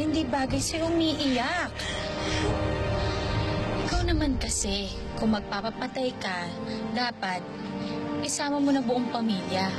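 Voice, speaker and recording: A woman playing a two-faced young female friend in a parody soap-opera skit, talking slowly with a condescending, mock-comforting manner. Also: a little high, close to an everyday voice. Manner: slow, condescending mock consolation. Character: fake-sweet young woman friend, secretly mocking. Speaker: comedy skit actor. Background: loud music.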